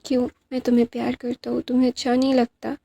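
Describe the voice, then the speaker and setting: A clingy, possessive lover pleads and sulks as if deeply wounded, as a woman storyteller puts him on. The voice is dark and gravelly, held in a narrow pitch. It belongs to a told fan-fiction story. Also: monotone, quick pace. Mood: pleading. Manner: pleading, mock-wounded, mixing in English phrases. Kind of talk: storyteller voicing dialogue.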